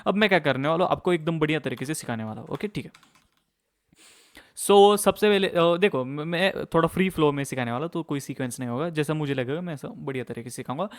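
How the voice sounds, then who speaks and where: Young man, fairly high voice, fast casual tutorial talk, frequent okay check-ins. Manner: fast-talking, mixes English terms into Hindi, frequent "okay, theek hai" check-ins. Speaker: course instructor. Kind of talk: casual screen-share tutorial.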